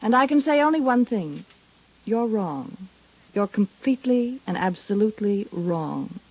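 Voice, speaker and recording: An actress playing a guarded, defensive widow in an old radio drama, speaking in a cool, controlled way. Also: female voice, mid-range voice, animated, a little slow, slightly rough. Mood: wounded. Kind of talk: 1950s radio drama acting. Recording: dull lo-fi old radio broadcast.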